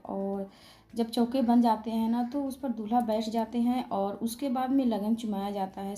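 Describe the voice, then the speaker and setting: A hoarse woman with a Bihari Hindi accent, narrating a casual vlog slowly and softly to spare her sore throat. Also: on the high side. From Bihar, India. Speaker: vlogger.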